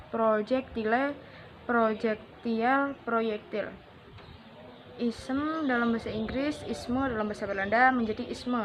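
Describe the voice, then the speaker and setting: A young woman reading a vocabulary lesson aloud, slowly and carefully listing word after word. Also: a little high, a little hiss or hum. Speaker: student teacher.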